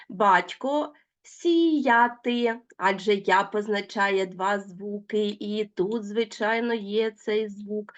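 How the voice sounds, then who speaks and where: A woman teacher giving an online school lesson to children, talking straight to the pupils and drawing out the example words slowly. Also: medium pitch, muffled recording. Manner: lively, addresses pupils directly, drawn-out example words.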